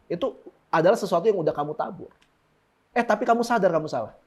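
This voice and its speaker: Male preacher, high voice, jokey and slangy, mimics other people's prayers. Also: lively intonation, fast, darkish tone. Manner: joking, slangy, mimics lazy and bossy prayers. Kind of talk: casual sermon with mock impressions.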